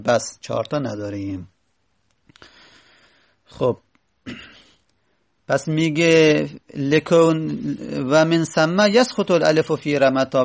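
A man giving a grammar lesson, patiently repeating word forms and slowly dragging out their syllables. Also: medium pitch, vocal fry. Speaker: teacher.

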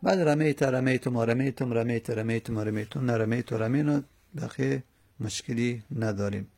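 A man gives a step-by-step grammar lesson and says each verb form several times. His voice is gravelly and sits in an ordinary middle pitch. He sounds patient and methodical. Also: darkish tone. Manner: methodical, repeats word forms aloud. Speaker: teacher. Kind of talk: Arabic morphology lesson.

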